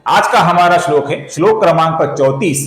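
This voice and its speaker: A man teaching the correct pronunciation of a Sanskrit verse, explaining earnestly and chanting words slowly, with soft music behind him. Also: on the high side, roomy sound, poor audio. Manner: addresses viewers as friends, earnest explaining. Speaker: spiritual YouTube teacher. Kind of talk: Sanskrit recitation lesson.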